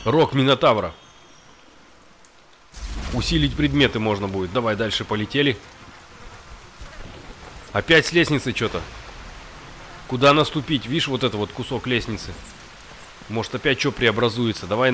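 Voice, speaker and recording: A male gamer with a mid-pitched voice comments casually as he plays. He thinks aloud in short, colloquial phrases, with faint rain and game noise behind him. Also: moderate pace, pauses often, fairly bright tone. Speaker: gamer, let's-play host. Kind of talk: casual improvised gameplay commentary. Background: game ambience with rain.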